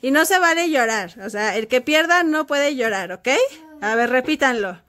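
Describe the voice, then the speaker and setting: A woman's voice: high voice, animated, moderate pace, bright, forceful tone. A woman, hosting a casual family vlog at home as a mother, patiently walking her children through each step. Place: home bedroom.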